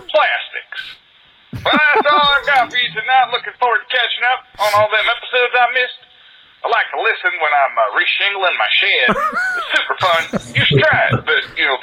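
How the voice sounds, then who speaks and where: A man's voice: high-pitched, bright, forceful tone, a little hiss or hum, low-quality recording. A man leaving a rambling, jokey voicemail for a show, heard over a landline phone with many uh fillers. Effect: heard over a landline phone as a played voicemail. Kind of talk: casual joking voicemail message.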